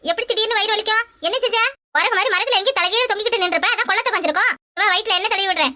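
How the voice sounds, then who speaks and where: A woman voicing a shrill scolding village mother. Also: racing, bright, forceful tone. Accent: Kanyakumari Tamil. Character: loud fretful village mother, middle-aged woman. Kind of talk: cartoon voice acting.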